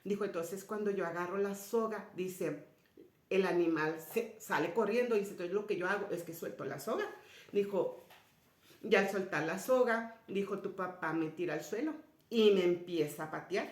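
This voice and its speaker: A woman giving a spiritual personal testimony to an audience, retelling conversations and often dropping to a soft, low voice. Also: moderate pace. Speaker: speaker sharing a personal story. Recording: roomy echoey sound.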